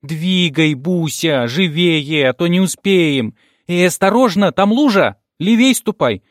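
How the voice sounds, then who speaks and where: A man reading an audiobook, voicing a bossy, cheeky first-grade girl who talks loudly and bluntly. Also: a little high, lively intonation, unhurried, no echo, studio quality, pitched above the performer's own voice. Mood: bossy shouting. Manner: loud, blunt, shouting.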